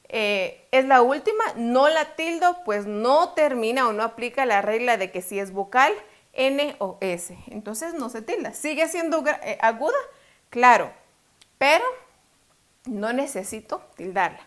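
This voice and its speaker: A woman teacher giving a recorded online grammar lesson, explaining step by step, asking questions and answering them herself, and slowing down to stress syllables. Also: fairly high pitch. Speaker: Spanish teacher.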